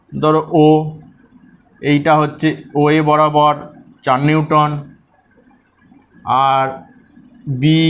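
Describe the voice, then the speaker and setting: A man teaching a school physics lesson, working through forces step by step and checking that pupils follow. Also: a little high.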